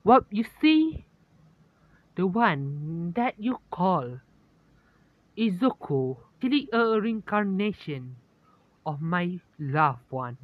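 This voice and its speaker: A woman's voice: fairly low pitch, very animated, takes it slowly, long pauses, dry recording, muffled recording, full character voice. A man voicing a smug, teasing girl spirit in a fan story, talking in a casual, chatty way.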